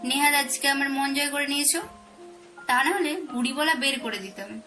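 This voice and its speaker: In a romantic audio story, a woman plays a young, playful and affectionate Bengali wife with teasing tenderness. Her voice is high-pitched, bright and forceful, at normal speed, with background music playing under it.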